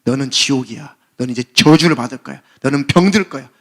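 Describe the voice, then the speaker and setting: A pastor voicing a low, relentless accusing devil. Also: male voice, quick pace, close to an everyday voice. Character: accusing devil whispering condemnation.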